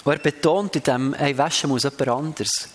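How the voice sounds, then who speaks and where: A man's voice: medium pitch, a little fast. A man preaching a sermon, reading scripture aloud with shifting emphasis and talking to the congregation in a conversational way.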